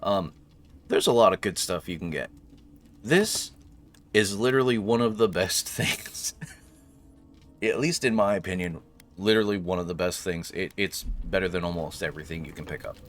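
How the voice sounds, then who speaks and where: Speaking at a moderate pace in a low voice, a man runs a let's play with casual, joking commentary. His banter is wry and playful, and he reads the on-screen game text aloud.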